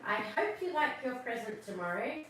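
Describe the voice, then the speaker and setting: Woman as greedy old Santa, jolly, sheepish, storybook voice, animated, off-mic. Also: fairly high pitch, moderate pace, very echoey, far from the mic, a little hiss or hum. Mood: cheerful.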